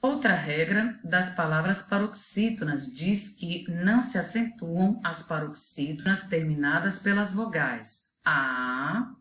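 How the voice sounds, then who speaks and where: A woman with a Brazilian Portuguese accent teaches a children's video lesson in a low voice. She talks slowly and deliberately, laying out each example word on its own. The sound is echoey, as if recorded in a bare room. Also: a bit bright. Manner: slow, deliberate, spells out example words one by one.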